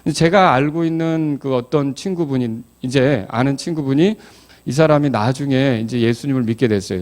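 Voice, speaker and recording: A man's voice: medium pitch, a little mellow. A man teaching a Bible study lesson as a pastor, explaining patiently, questioning the class and adding folksy asides. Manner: explanatory, asks the class questions, claps out rhythms.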